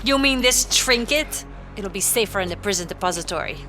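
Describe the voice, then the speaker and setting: A woman's voice: mid-range voice, lively intonation, brisk, pushed and bright, faint music behind. An actress playing a mocking female law officer in a video game.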